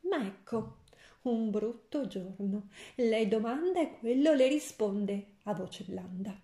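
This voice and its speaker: A woman reads a rhymed fairy tale aloud with a playful, rhythmic lilt. Her pace is slow and unhurried, her tone mellow and dark. A roomy echo surrounds the voice. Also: fairly high pitch. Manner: rhythmic, playful verse reading. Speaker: storyteller.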